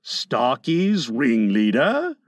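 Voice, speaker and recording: A man's voice: on the high side, very animated, slow, a bit bright, husky, no echo, heavily acted. Man playing Captain Hook, silky menacing pirate captain. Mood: silky menace. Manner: silky, steely, musing menace. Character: menacing pirate captain, mock-courteous, purring, cruel. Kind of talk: dramatised storybook reading.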